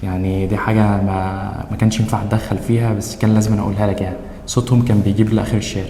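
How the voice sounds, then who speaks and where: A man's voice: lowish voice, little pitch movement, racing, dark tone, slight background noise, natural voice. Man playing a confiding Egyptian neighbor, echoey. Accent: Egyptian Arabic. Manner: hesitant, confiding. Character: friendly neighbor engineer, adult man, concerned. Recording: echoey, reverberant room.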